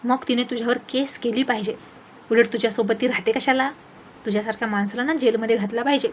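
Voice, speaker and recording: A woman's voice: on the high side, steady tone, fast talker, slight background noise, close to an everyday voice. A woman voicing a proud, short-tempered rich young man in a storybook tale, talking in a snappy, irritated way.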